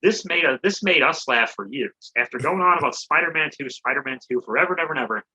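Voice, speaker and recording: A man with a very bright, husky voice co-hosts a comedy podcast in a loose, profane ramble. He laughs often and circles back on himself as he talks. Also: a little high, animated, quick pace. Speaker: podcast co-host. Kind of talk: casual comedy chat.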